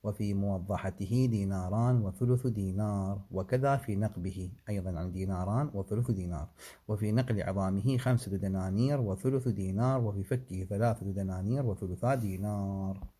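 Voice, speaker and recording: Guy teaching religious law, reads out the text slow and steady then explains bits, kinda low voice. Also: breathy edge. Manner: measured recitation of figures with asides and self-corrections. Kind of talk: seminary lecture, reading and explaining a text.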